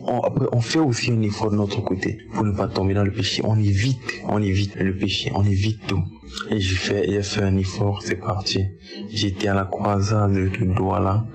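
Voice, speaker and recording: A man with a low voice gives an earnest religious testimony. His delivery stays flat and level, circling back to the same phrases again and again. Faint music plays underneath. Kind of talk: spoken testimony.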